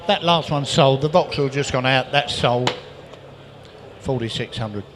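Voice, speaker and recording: A man with an English accent working as an auctioneer, giving a live auction patter with repetitive bid calls and chatty asides. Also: medium pitch. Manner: rapid repetitive calling of bids, chatty asides. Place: live car auction, amplified to bidders. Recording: live auction sound with clear background noise.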